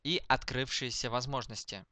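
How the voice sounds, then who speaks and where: A man dictating text slowly to speech recognition, speaking each punctuation mark aloud, word by word. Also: mid-range voice, sharp tone, dry recording. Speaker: dictation demonstrator.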